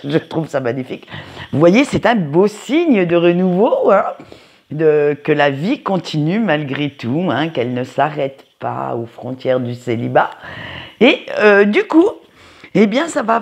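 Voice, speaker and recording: A tarot card reader with a noticeable accent gives a casual weekly forecast from home by a window, in an unhurried, sing-song manner. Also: mid-range voice, gravelly. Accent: non-standard French accent, kind not stated. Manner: unhurried, sing-song, frequent "hein" tags. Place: home, by a window facing a tree.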